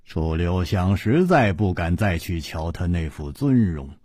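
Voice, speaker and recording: 一位男性说书人，生动地演播武侠小说。. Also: male voice, deep voice, a little slow, husky, dry recording, studio quality. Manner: expressive, vivid, lively. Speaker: storyteller. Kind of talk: Chinese novel storytelling narration.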